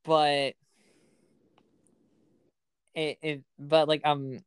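A woman's voice: deep voice, flat delivery, very slow, clear, resonant tone, no room sound. A woman hosting a casual podcast, chatting about a film and filling her talk with "like". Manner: chatty, heavy use of "like". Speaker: podcast host. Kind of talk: casual film review chat.

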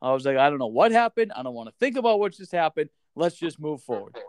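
A man's voice: on the high side, very animated, fast talker, darkish tone, smooth, no echo, studio quality. A man co-hosting a casual podcast, swearing freely and acting out quotes as he tells stories. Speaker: podcast co-host.

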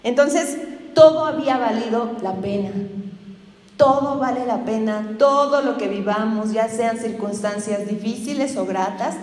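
A woman with a high voice preaches to her church in a relaxed, chatty way. She keeps tossing questions out to the congregation as she talks. Her voice rings through a hall with a long, lingering reverb. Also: a little slow. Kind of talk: conversational sermon.

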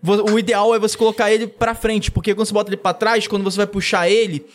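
A man with a Brazilian Portuguese accent in casual, slangy podcast chat, telling things in an animated, rambling way as a co-host. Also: high-pitched, fast talker.

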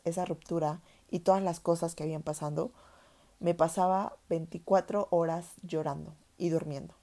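A woman's voice: fairly low pitch, mellow. A young woman telling her own story in a candid, earnest way, repeating words for emphasis. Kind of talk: personal storytelling monologue.

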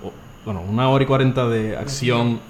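A man's voice: medium pitch, a little fast, darkish tone. A young man, co-hosting a casual podcast, arguing his points and dropping English words into his speech. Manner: argumentative, mixes in English words. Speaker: podcast co-host. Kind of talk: casual chat. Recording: echoey room with faint noise.

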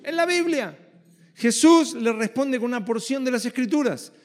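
Male pastor, high voice, emphatic sermon delivery, long echo of a big hall. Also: animated, moderate pace. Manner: emphatic, asks the audience rhetorical questions. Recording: reverberant hall.

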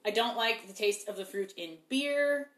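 A woman's voice: a little high, normal speed, a bit bright. Rambling laughing young woman, echoey room. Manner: rambling, laughing, self-interrupting. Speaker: podcast co-host. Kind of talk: casual chat over beers. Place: living room at home.

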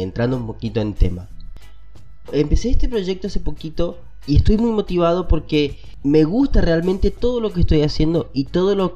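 A man's voice: mid-range voice, dark tone, lo-fi sound. A man with a Latin American Spanish accent and a stuffy, congested nose from a cold, hosting a podcast in a casual motivational monologue, speaking directly to listeners. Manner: conversational, addresses listeners directly. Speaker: podcast host.

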